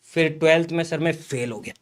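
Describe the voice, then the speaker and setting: Slightly fast and fairly high-pitched, a young man appears as a guest influencer on a motivational chat, speaking earnestly to students about failure and going back to study. He's direct, calls the viewers guys, and frequently says sir to the host.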